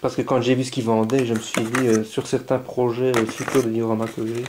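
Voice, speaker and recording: A man casually unboxing paints, chatty and enthusiastic, thinking aloud and haltingly reading labels. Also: mid-range voice, little pitch movement, background noise. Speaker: scale model hobbyist.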